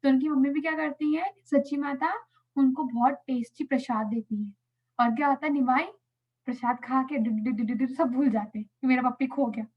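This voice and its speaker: A woman telling a story to children in an animated, playful way, adding sound effects. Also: sits high, a little fast. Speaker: Sunday school storyteller. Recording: tinny phone-like audio.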